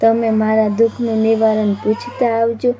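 Woman reading as a sad talking cow, plaintive, flat dark voice, dull lo-fi sound. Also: on the high side, moderate pace, lightly acted. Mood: pleading. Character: suffering talking cow, female, pleading. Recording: dull lo-fi with faint noise.

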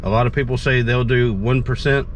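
A man's voice: medium pitch, steady tone, brisk. Folksy man talking while driving. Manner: folksy, rambling, repeats himself. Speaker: reseller vlogger. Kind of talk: casual chat. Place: car, driving. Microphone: dash-mounted camera. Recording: car road noise. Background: road noise.

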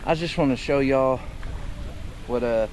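A relaxed man with a drawl chats about his gear in a loose, rambling way, at an everyday mid pitch. He is out on a lake in his kayak, and plenty of outdoor noise sits under his voice. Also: measured pace. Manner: laid-back, rambling, folksy. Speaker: kayak fishing vlogger. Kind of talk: casual outdoor gear talk. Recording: noisy outdoor audio.

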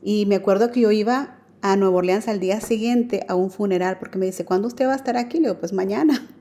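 A woman's voice: medium pitch, fast, dark tone. A woman telling her personal faith story as a radio guest, earnest and full of fillers. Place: radio studio.

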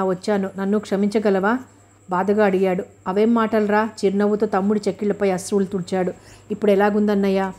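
A woman's voice: mid-range voice, a little mellow. A woman narrating an audiobook of a novel, reading every character's lines in her own voice.

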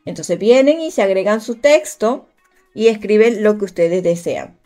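A woman's voice: medium pitch, lively intonation, normal speed, mellow, soft background music. A woman teaching a live design class, chatting directly with her viewers and thinking aloud as she works. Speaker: crafts instructor. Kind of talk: live-streamed software tutorial.

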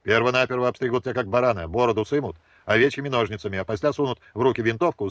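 A man's voice: medium pitch, a bit bright, no room sound, lightly acted. A man voicing a harsh old peasant father-in-law who barks orders in rustic dialect. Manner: bullying, barking commands in rustic dialect. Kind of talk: audiobook character voice.

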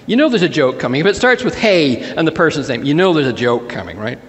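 A male pastor preaching with a playful, joking storyteller's manner. His fairly high voice swings animatedly up and down. A long reverb of the church hangs on every phrase. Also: very animated, quick pace. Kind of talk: humorous sermon. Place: church sanctuary.

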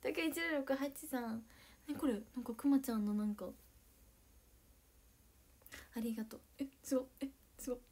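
Young woman, high bright voice, bubbly livestream chatter, giggly, reads out viewer comments. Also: a little fast. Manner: excitable, giggly, thanks viewers by name. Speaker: idol livestreamer. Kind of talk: casual livestream chat reading viewer comments.

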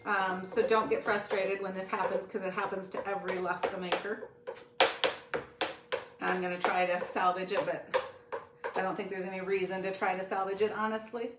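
This is a middle-aged woman of medium pitch and slightly bright tone, hosting a live cooking demonstration in her home kitchen. Chatty and friendly, she talks to her audience while busy at the counter; a fixed camera opposite records her with roomy echo and a little background noise.

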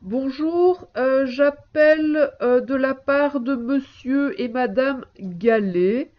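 A woman leaving a polite, measured answering machine message as a caller, with hesitant fillers. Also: high-pitched. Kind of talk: phone message in a listening exercise. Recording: muffled answering machine audio.

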